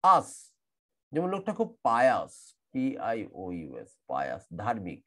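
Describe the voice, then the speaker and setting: A man from Bangladesh with a Bangladeshi accent teaching English grammar in an online class, explaining rules slowly and repeating and spelling out words. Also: medium pitch, huge pitch swings, a bit bright. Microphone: computer mic in an online class.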